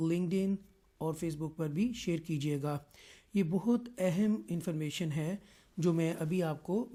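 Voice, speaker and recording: Male Quran teacher from Pakistan, soft dark tone, patient and careful, lots of hesitant fillers. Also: a little high. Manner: explains slowly and carefully, with many drawn-out "aa" fillers. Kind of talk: online Quran lesson.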